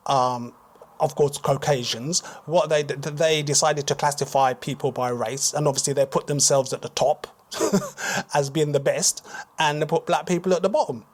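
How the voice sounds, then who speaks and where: A British man speaking as a guest author on a radio talk show, explaining in a measured way and repeating words as he thinks. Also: a little high, steady tone. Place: radio studio.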